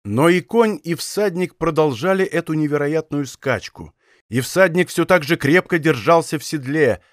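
A man narrating an adventure novel from a studio in a measured, dramatic storytelling manner, recorded on a close microphone. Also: a little high, lively intonation, dry recording. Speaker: audiobook narrator. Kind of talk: scripted narration.

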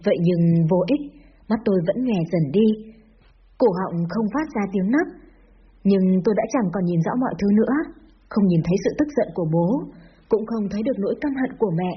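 A woman narrates a scripted first-person story at a brisk clip. Her reading stays steady, and she gives the quoted lines only a light touch of voice. The recording is a little muffled, with faint background hiss. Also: mid-range voice. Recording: slightly dull lo-fi audio with faint noise.

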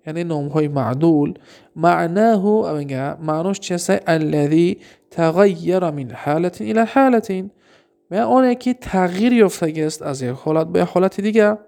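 A man with a Tajik accent teaching Arabic grammar, reading example sentences slowly and then quizzing his listeners with questions he answers himself. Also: fairly high pitch, vocal fry, darkish tone. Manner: asks rhetorical questions and answers them himself. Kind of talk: classroom lesson.

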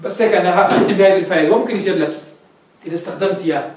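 High-voiced sheikh teaching grammar. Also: male voice, very fast, darkish tone. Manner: explains step by step, asks the class questions and answers them. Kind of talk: classroom grammar lesson. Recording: very echoey room, mic far off.

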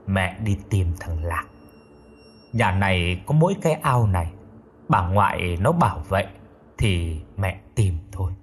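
A dazed old woman, as a man puts her on, speaking low and hollow. Her words come quiet and empty. Faint noise sits under this audiobook. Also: measured pace. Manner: low, flat, vacant.

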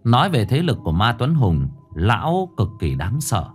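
A man narrating a dark crime story in a grave, dramatic manner. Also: mid-range voice, wildly swooping pitch, moderate pace, faint music behind.

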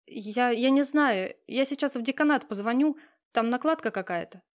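A woman's voice: a little high, normal speed, voice pushed up, natural voice. A woman reading a flustered young student. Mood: anxious. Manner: hesitant, anxious. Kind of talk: audiobook character reading.

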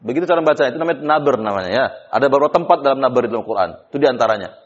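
A man's voice: mid-range voice, animated, racing. A man teaching Quran recitation rules in a class, explaining step by step, quizzing students with questions and sometimes chanting the examples. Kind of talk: classroom tajwid lesson. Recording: dull lo-fi class recording.

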